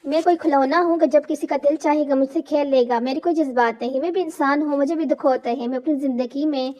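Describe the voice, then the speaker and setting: A woman's voice: sits high, fairly even intonation, a little fast, mellow, close to an everyday voice. A woman voicing a proud young woman who is bitter and heartbroken, reproachful and tearful in an audiobook reading. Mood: angry. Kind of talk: reading an Urdu romance novel aloud. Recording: dull lo-fi recording.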